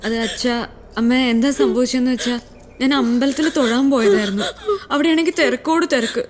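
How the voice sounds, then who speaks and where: An actress playing a young bride who rushes through breathless, pleading explanations to her parents in a film comedy. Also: sits high, steady tone, slight background noise, natural voice. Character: young bride back from the temple. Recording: film scene with faint music.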